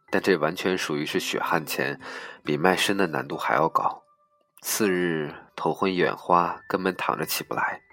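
A man reading a humorous personal story aloud with a dry, deadpan comic delivery. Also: sits low.

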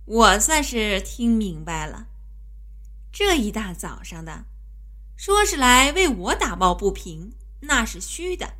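A woman's voice: medium pitch, sing-song, takes it slowly, sharp tone, exaggerated voice. A woman voicing a shrewd imperial consort who sees through schemes and coaxes the others along. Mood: knowing. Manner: knowing, coaxing. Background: background music.

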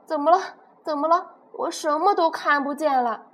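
Big hurt t-rex done by a lady, gruff and loud, slow storybook read. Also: sits high, big pitch swings, pitched above the performer's own voice. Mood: pained. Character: hurt blind tyrannosaurus, gruff and fierce.

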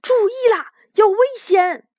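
A woman voicing a timid little spotted bunny boy in a high, bright, childlike squeak. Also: lively intonation, a little slow, no echo, studio quality. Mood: alarmed.

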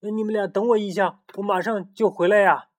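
A man's voice: high-pitched, steady tone, fairly quick, voice pushed up. A man voicing a worried little lamb in a storybook read-aloud, in a raised, fretting voice.

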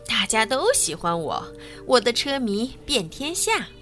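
Cast: woman doing a smug, boastful male race car, lively sing-song lines, storybook. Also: medium pitch, moderate pace, faint music behind, natural voice. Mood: haughty. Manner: haughty and mocking.

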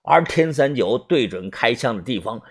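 A man's voice: lively intonation, moderate pace. A man narrating a suspenseful first-person audiobook, tense and dramatic in delivery. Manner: tense, suspenseful storytelling with strong pitch swings.

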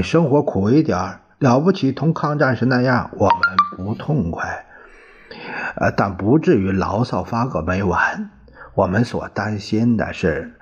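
A man's voice: lowish voice, breathy edge, exaggerated voice. A man voicing a worried male professor, plaintive and rueful, on a dull lo-fi recording.

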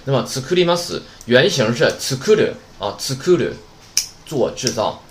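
A man's voice: medium pitch, sing-song, measured pace. A man teaching a Japanese vocabulary lesson, chatty and joking, often asking rhetorical questions. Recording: roomy echo, faint background noise.

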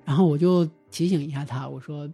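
A man casually retelling a strange family experience as a guest storyteller, in a loose, halting way with frequent restarts. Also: fairly high pitch, fairly even intonation, warm tone, husky, dry recording, faint music behind. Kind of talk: casual spoken storytelling of a real ghost experience.

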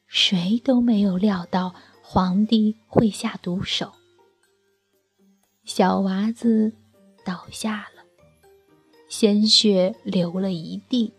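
A woman narrating a children's folk tale in a soft, half-whispered way. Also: mid-range voice, fairly even intonation, slow, pauses often, slightly rough, faint music behind. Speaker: storyteller.

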